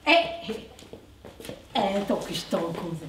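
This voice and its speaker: A woman's voice: mid-range voice, slow. A woman, performing a chatty, folksy comic monologue on stage. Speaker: sketch performer. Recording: echoey room from far off, faint noise.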